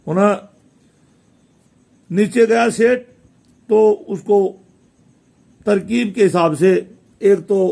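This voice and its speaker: A man tells a village folk tale in a high-pitched voice, speaking. He rambles and repeats phrases, slipping into dialect as he voices the people in the tale. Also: vocal fry, darkish tone. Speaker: village storyteller. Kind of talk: casual folk tale telling.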